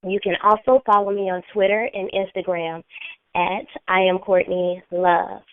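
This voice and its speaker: Earnest and coaching, a woman on a phone conference line gives a motivational talk, returning again and again to key phrases. Her medium-pitched voice keeps a level tone at normal speed and is slightly scratchy from a sinus infection; there's no room sound, just a dry, tinny line.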